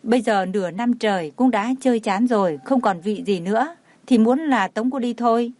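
A woman's voice: on the high side, normal speed, a little mellow, dry recording, close to an everyday voice. Woman reading as a scornful rich girl. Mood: taunting. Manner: taunting, scornful. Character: spiteful, mocking young rich woman.

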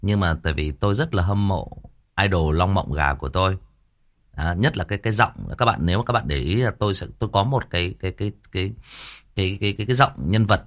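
A man's voice: low voice, fast talker, a bit bright. A man hosting a story channel, talking casually about a story to his viewers, rambling and often repeating words as he searches for the next one. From Vietnam. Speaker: audiobook narrator and channel host. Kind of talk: casual livestream commentary.

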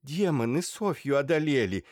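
A man voicing an anxious older woman who tries to calm her quarrelling sister. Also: mid-range voice, moderate pace, no echo, studio quality, voice pushed up, natural voice. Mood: worried. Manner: placating, polite.

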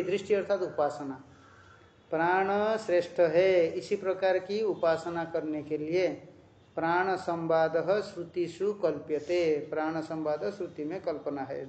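A man teaching scripture, reciting Sanskrit verses and then explaining them in Hindi in a measured, repetitive way. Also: fairly high pitch, a little mellow. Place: ashram hall. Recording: roomy, dull lo-fi recording.

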